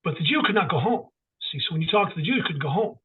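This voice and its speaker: A man's voice: sits high, lively intonation, rapid-fire, husky. A man talking as an author guest in an interview, emphatic and full of restarts. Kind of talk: casual interview talk. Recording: tinny phone-like line.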